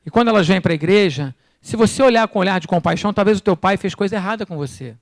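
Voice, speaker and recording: A man preaching a sermon in Brazilian Portuguese in church, firing rhetorical questions at the congregation and swinging between loud bursts and quiet asides. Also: high-pitched, fast talker, no room sound, clean studio sound. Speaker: pastor.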